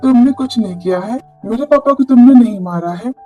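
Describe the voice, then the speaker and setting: A woman's voice: fairly high pitch, fairly quick, mellow, faint music behind, natural voice. A woman reading the lines of a young heroine torn between love and revenge. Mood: accusing.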